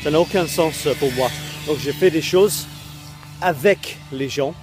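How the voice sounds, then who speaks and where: A man's voice: a little high, unhurried, music in the background. A British man with an English accent, speaking in a casual direct-to-camera talk as an online course creator, hesitant, with many ums and restarts. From Britain.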